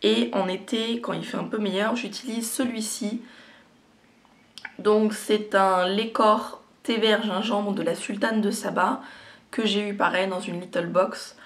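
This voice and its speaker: A woman chatting casually to viewers as a beauty vlogger, her voice a little cracked and hoarse, as if it is giving out. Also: mid-range voice, fairly even intonation, measured pace. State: slightly hoarse, cracked voice that gives out. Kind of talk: casual product chat to viewers.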